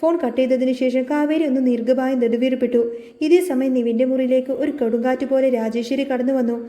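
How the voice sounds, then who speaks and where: A woman narrates a serial's plot as a story, reading fast. Her voice sits high but soft and mellow. The sound carries the echo of a roomy space. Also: fairly even intonation. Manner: reads the story aloud, voicing all characters in her own voice. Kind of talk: scripted narration.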